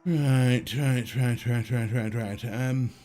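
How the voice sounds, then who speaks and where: A man voicing a weary, matter-of-fact female hospital doctor who talks in flat, offhand phrases and repeats herself. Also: medium pitch, slow, soft background music, pitched below the performer's own voice, natural voice.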